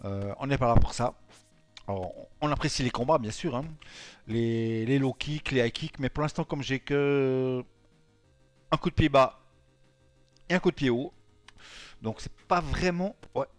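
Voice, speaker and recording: A man's voice: mid-range voice, no room sound. Swiss French man rambling over gameplay. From Switzerland. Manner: rambling, filler-heavy, tags lines with "hein". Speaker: let's play gamer. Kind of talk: casual gameplay commentary.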